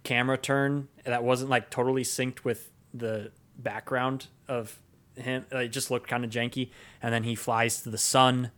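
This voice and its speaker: A man co-hosting a relaxed movie podcast, retelling a plot at length. His speech is full of ums, uhs and restarts, at an ordinary middle pitch for a man. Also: measured pace. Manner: rambling plot recap with frequent ums and uhs. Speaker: podcast co-host. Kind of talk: casual movie review chat.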